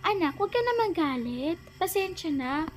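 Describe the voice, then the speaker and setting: A woman voicing a gentle, doting mother who soothes her upset daughter in a doll-game role-play. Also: very high-pitched, sing-song, normal speed, faint music behind. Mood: soothing. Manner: soothing, placating.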